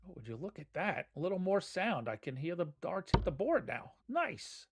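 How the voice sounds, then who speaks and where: A man's voice: high voice, big pitch swings, moderate pace. A man giving live darts commentary in a conversational, folksy way. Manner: conversational, folksy turns of phrase.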